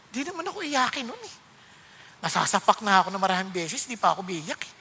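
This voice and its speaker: A pastor with a Filipino accent preaches a sermon in a high-pitched, fast, slightly rough voice, animatedly mixing Tagalog and English. He acts out the voices of complainers, and the recording has a long hall reverb.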